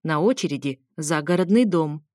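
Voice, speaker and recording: A woman voicing a brash, commanding grandmother who scolds and mocks loudly, in an audiobook. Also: sits low, animated, normal speed, no room sound, clean studio sound. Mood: scolding. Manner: loud, scolding, mocking.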